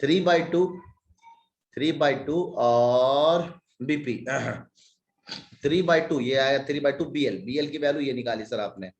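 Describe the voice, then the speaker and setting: A man's voice: medium pitch, takes it slowly, echoey room, dull audio. A man teaching a maths class online, working sums aloud step by step with joking asides, slightly stuffy from a cold. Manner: talks through sums step by step, jokey asides.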